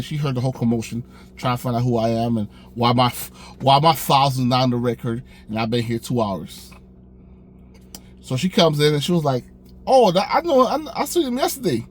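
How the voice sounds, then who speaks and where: A young man casually telling a personal story, animated, acting out the dialogue with a raised voice. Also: mid-range voice. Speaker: storyteller vlogger.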